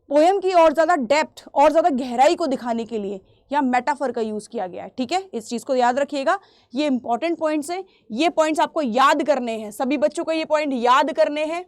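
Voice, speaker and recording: High-voiced woman teaching revision. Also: no room sound, clean studio sound. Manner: reads English quotes slowly, then explains them; repeats key points to drill students. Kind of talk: exam revision lesson.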